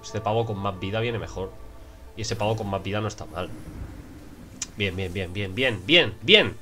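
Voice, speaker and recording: A young man with a Spain Spanish accent giving casual gameplay commentary, excitable and prone to swearing and shouting in frustration. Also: lowish voice, normal speed, soft background music. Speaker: gameplay streamer.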